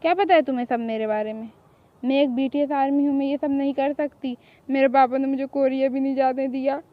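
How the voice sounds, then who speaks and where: A woman playing a feisty young fangirl in a homemade audio drama, defiant and quick to scold. Her voice sits high, and the recording is muffled and lo-fi. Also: fairly even intonation, no room sound, close to an everyday voice. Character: feisty young woman, devoted boy-band fan. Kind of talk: hobby fan drama.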